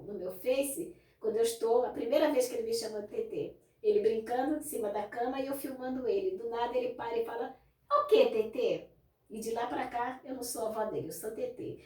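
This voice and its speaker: An older woman recounts a personal story straight to her viewers, her voice sitting a little high. She sounds some distance from the mic in a roomy, echoing space. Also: warm tone. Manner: emotional, addresses viewers directly. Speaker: testimony speaker. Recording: echoey room, voice from a distance.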